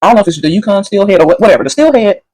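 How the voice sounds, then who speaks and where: Fast-talking sassy woman. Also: medium pitch, lively intonation, mellow, no echo, rough recording. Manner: sassy, rambling, talks while chewing. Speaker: food reviewer. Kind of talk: casual chatty food review.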